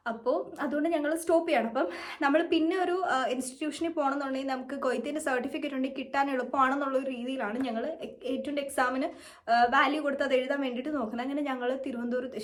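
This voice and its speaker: A woman's voice: sits high, racing. A young woman with a Malayali accent, telling her own story to camera in a chatty, rambling way and mixing English words into her speech. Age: young adult. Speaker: vlogger.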